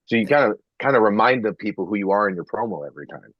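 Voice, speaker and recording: A man's voice: fairly low pitch, lively intonation, very fast, dry recording. A man judging in a casual panel discussion, explaining informally and checking that others follow. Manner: informal, explanatory, seeks agreement. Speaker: competition judge. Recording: muffled lo-fi, very dry sound.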